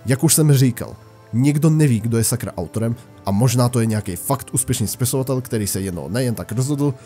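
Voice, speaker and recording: A man's voice: mid-range voice, dark tone, soft background music. A man giving sarcastic, exasperated commentary while reading a terrible fan fiction aloud. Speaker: YouTube narrator.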